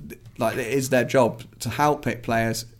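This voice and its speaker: A man's voice: mid-range voice, fairly even intonation, a little slow. A man co-hosting a casual football podcast, often stumbling and repeating words as he starts sentences. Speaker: podcast co-host.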